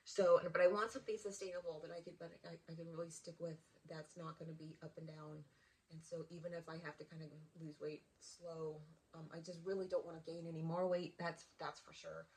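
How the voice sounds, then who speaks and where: A woman's voice: deep voice, flat delivery, a little hiss or hum. Emotional woman in her fifties, far off the mic. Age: 50s. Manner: emotional, halting, with many restarts. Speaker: vlogger. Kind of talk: personal check-in vlog.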